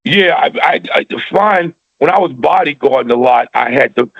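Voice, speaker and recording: A man's voice: on the high side, animated, normal speed, creaky, a bit bright, dull audio. A man, a former football player from South Philadelphia, chatting casually on a podcast and laughing a lot as he retells stories. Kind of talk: casual chat.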